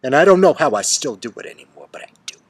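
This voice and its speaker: A man telling a bitter story in an angry rant, swearing and swinging from hushed seething to loud outbursts. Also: on the high side, expressive, fast, no room sound. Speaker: storyteller ranting to camera. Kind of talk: angry first-person rant.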